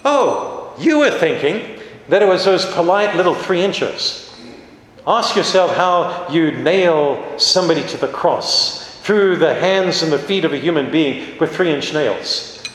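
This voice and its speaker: A man preaching a sermon, animated, with rhetorical questions and dramatic stress on key words. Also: fairly high pitch, measured pace. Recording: very echoey hall with long reverb.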